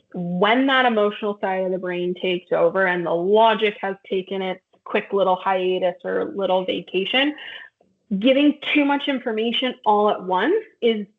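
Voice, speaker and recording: A woman presenting an online parenting workshop, explaining steps patiently with frequent ums. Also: mid-range voice. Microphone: video call. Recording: tinny phone-like audio.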